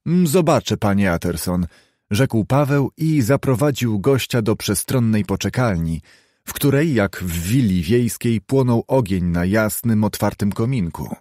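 A man narrating a classic novel in an audiobook, reading at a measured, even pace. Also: fairly low pitch, dry recording, clean studio sound. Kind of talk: scripted literary narration.

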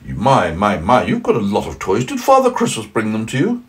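A man voicing a cheerful, chatty snowman in a bedtime story, with high, bouncy, mock-indignant questions. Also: wildly swooping pitch, a little fast, distant mic.

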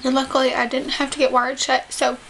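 A woman's voice: high-pitched, level tone, fairly quick, gravelly, a bit bright. A young woman talking casually to camera, with restricted jaw movement as she speaks carefully through banded teeth. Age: young adult. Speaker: vlogger describing surgery recovery. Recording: noisy home camera audio.

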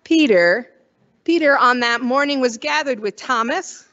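A woman pastor preaches in a high, bright-pitched voice. She talks to the congregation as if chatting with them and wonders aloud about the story. The recording sounds dull and a little muffled. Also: unhurried. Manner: conversational, wondering aloud, acts out quoted voices. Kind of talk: sermon.

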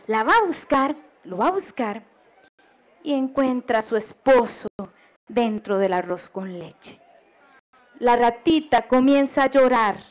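A Costa Rican woman tells a folk tale to children on a radio program, pausing to ask her listeners questions and get them to join in. Her voice sits high and bright in its register. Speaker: storyteller. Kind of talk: oral storytelling for children.

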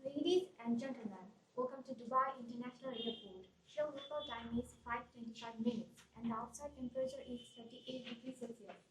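A woman student reading an in-flight announcement aloud, slowly and carefully, in a classroom. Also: fairly high pitch, a little hiss or hum. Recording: echoey room, voice far from the mic.

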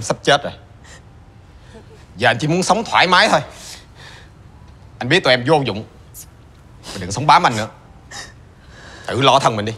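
An actor playing a gravely ill older brother, quiet, resigned and curt. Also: male voice, medium pitch.

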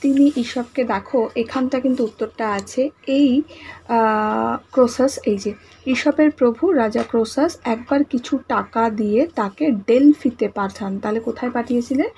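A woman teacher giving an online lesson, speaking softly and patiently, repeating each answer and asking the class questions. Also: on the high side, moderate pace, a little hiss or hum, poor audio. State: speaking softly, finds talking hard today.

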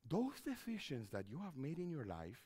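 Pacing a church stage with a headset mic and sweeping hand gestures, a middle-aged pastor and counselor delivers a seminar at normal speed. His high voice, with a breathy edge, rises and falls widely, and he animatedly repeats phrases. A long reverb from the sanctuary trails his words.

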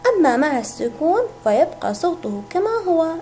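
A woman teacher giving a recorded reading lesson to young children, sounding out syllables slowly and stretching each word. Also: high voice, big pitch swings, mellow, slight background noise. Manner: slow, drawn-out syllables, sounding words out. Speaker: kindergarten teacher.

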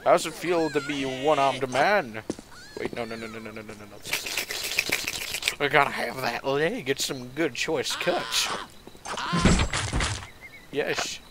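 A man's voice: mid-range voice, expressive, takes it slowly, pauses often, very noisy. A man giving casual, profane and joking commentary while playing a video game, often chuckling to himself. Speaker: let's play commentator.

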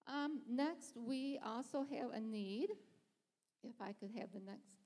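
A middle-aged woman giving church ministry announcements from the stage on a handheld mic, earnest and halting with lots of ums. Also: a little high, darkish tone. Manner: earnest, hesitant, frequent ums. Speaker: children's ministry leader. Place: church stage, large sanctuary. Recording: long hall reverb in a sanctuary.

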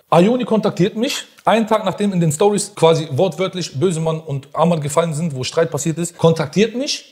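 A man's voice: on the high side, darkish tone. A man giving an angry callout statement, confrontational and mocking, taunting his rival. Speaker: rapper making a video statement.

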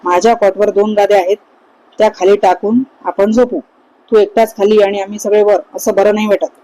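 A woman's voice: mid-range voice, little pitch movement, fairly quick, warm tone, close to an everyday voice, poor audio. A woman reading the part of a teasing young man in a spoken horror story. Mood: casual. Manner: easygoing, joking.

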